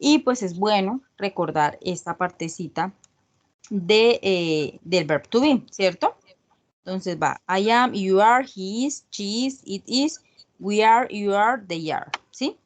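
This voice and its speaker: Woman teacher on a video call, slow and patient, keeps asking "right?" after each rule. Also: medium pitch, expressive. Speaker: English teacher. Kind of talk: online English grammar class.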